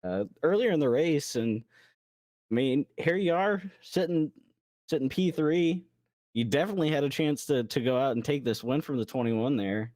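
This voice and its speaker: A man's voice: mid-range voice, normal speed, a little mellow, dry recording. A man doing a casual post-race interview in a joking, colloquial way.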